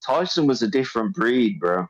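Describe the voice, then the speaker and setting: Man, fifties, insistent, lively pitch, casual argument. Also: normal speed, dull audio. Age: 50s. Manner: insistent, repeats "bro". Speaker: podcast caller.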